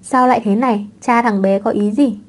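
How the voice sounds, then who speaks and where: A woman voicing a kindly man who gently offers a child help, in an audiobook reading. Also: fairly high pitch, fairly even intonation, brisk, lightly acted. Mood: gentle. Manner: gentle, obliging.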